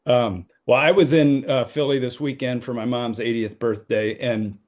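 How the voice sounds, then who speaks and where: A middle-aged man co-hosting a casual podcast, calmly moving through the topics. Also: medium pitch, normal speed. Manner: relaxed, runs the topic list. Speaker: podcast co-host. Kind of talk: casual chat.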